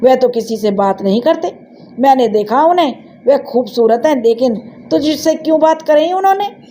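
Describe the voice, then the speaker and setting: A woman's voice: sits high, expressive, moderate pace, mellow, a little hiss or hum. A woman doing a curious, gossipy village girl. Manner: inquisitive.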